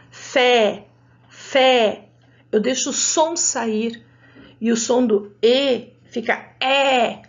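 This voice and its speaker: A woman teacher with a Brazilian Portuguese accent giving a patient, clearly articulated lesson to adult students, spelling out sounds. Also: a little high, highs cut off.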